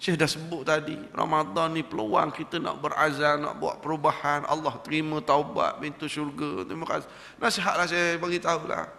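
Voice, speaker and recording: A man's voice: a little high, moderate pace, gravelly. A man giving a storytelling dawn lecture in a prayer hall, acting out the people in his stories. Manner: storytelling, animated, acts out voices. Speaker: preacher.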